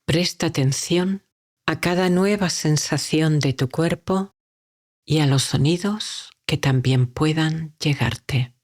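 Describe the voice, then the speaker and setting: A woman guiding a sleep meditation, talking softly and calmly with long unhurried pauses. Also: low-pitched. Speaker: meditation guide.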